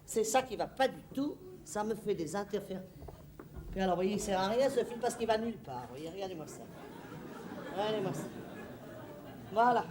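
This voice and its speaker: A stage actress playing a flustered, fussy middle-aged hostess in a comedy monologue, rambling theatrically to the audience. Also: female voice, mid-range voice, lively intonation, moderate pace, pauses often, crowd noise, natural voice. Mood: fussing.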